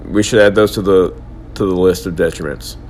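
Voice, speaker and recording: An actor playing an excitable young man who rants theatrically about his odd grudges. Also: deep voice, brisk. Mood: goofy. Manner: dramatic, ranting, overblown. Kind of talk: hobby audio drama.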